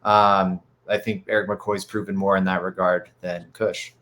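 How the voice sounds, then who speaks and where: A man's voice: low-pitched, flat delivery, a little slow, fairly bright tone. A man with a stuffy nose co-hosting a sports podcast, rambling with lots of fillers and restarts. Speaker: podcast co-host. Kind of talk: casual sports talk.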